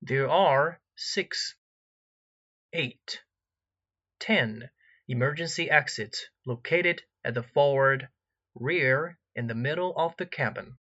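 A man's voice: medium pitch, sharp tone, highs cut off. Formal male airline cabin announcer. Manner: formal, measured template reading with gaps for details. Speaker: in-flight announcer.

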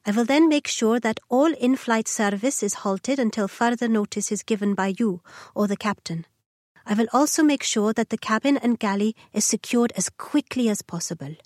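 A woman playing a conscientious, apologetic flight attendant in a scripted lesson dialogue, careful and clearly enunciated. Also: fairly high pitch, normal speed, a little mellow, no room sound, studio quality, lightly acted. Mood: apologetic, earnest.

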